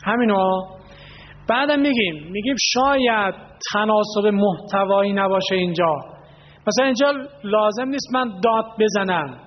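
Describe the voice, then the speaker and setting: A man teaching a voice skills workshop, explaining and putting questions to the group. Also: high voice. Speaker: workshop instructor. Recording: dull lo-fi sound in an echoey hall.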